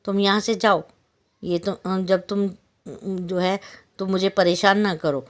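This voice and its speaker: A woman's voice: medium pitch, fairly even intonation, a little slow, lightly acted. A woman voicing a big, sleepy male lion who is grumpy and makes threats.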